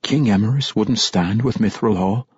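A man's voice: on the low side, slightly rough, no room sound, lo-fi sound. A man playing Bruner, a brooding king. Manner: quiet, measured. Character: brooding dwarf king, quiet and doubting.

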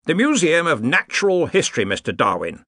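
A man doing a loud, bossy head wizard. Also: fairly high pitch, huge pitch swings, dry recording, clean studio sound, voice pushed up, heavily acted. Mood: commanding. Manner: brisk and commanding.

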